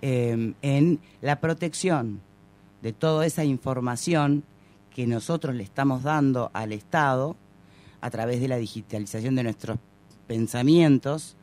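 A man's voice: mid-range voice, darkish tone. Probing male interviewer. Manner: probing, measured questions.

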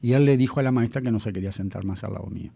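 Racing through his childhood memories, this Uruguayan-accented man in his fifties is a mentalist being interviewed on a talk show. His voice is fairly low, gravelly and dark, captured in a dry recording.

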